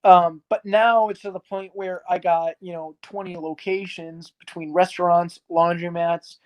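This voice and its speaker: A man's voice: high-pitched, flat delivery, unhurried, highs cut off. A man in his early twenties, an arcade business owner, talking casually as a guest with lots of fillers and a frank, rambling manner. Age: early 20s. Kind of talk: casual interview chat.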